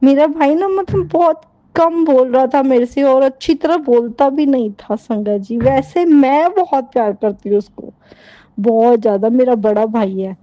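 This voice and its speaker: A middle-aged woman shares a devotional testimony, fervent and full of repeated thanks. Her voice is mellow and warm, and she talks slowly. The recording is dry and a little dull, with no room around her. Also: sits high, no echo.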